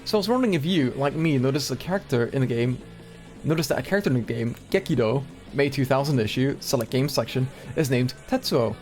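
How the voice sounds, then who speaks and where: Male streamer from Singapore, middle pitch, reads aloud casually with asides over faint music. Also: fast talker, a little mellow. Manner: casual, chatty asides between readings. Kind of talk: reading a magazine aloud on stream.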